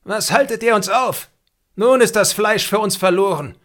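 A man voicing an angry, proud Native chief in an audiobook, with loud, high, forceful outbursts. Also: animated, moderate pace. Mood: angry shouting. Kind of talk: audiobook character reading.

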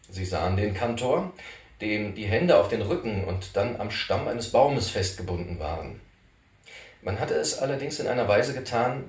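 A man narrating an adventure story as an animated audiobook reading. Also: on the low side. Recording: roomy, distant mic.

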